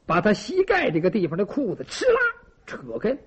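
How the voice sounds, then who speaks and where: Animated husky storyteller man. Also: high-pitched, brisk. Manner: dramatic, vivid with sound effects and asides to listeners. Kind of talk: traditional pingshu storytelling. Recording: lo-fi dull recording.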